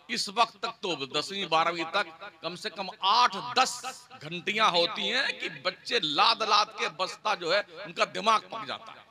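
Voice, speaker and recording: A male Islamic preacher giving an impassioned conference sermon to a live audience, building his points through rhetorical lists. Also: high voice. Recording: live event with crowd noise. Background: crowd.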